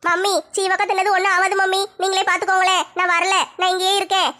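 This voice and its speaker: Naive small child, squeaky and bright, voiced by a woman. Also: flat delivery, fast talker. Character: naive child talking to mother.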